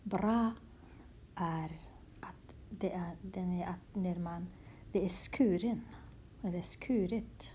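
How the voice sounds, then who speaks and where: Soft-spoken woman teaching letters. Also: on the low side, slight background noise. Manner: slow, patient, repeats words, often drops to a whisper. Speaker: language teacher. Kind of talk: handwriting lesson in Kurdish letters, explained in Swedish.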